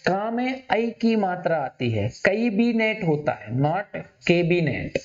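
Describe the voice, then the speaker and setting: A man teaching a Hindi spelling class, asking his students questions and repeating words slowly. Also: high voice, big pitch swings, a little mellow. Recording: dull, echoey classroom recording.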